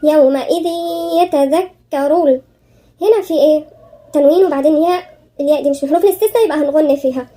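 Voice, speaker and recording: A woman with an Egyptian Arabic accent teaching tajweed. She chants verses slowly, then explains each rule quickly, step by step. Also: sits high, mellow. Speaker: Quran recitation teacher. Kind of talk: tajweed lesson.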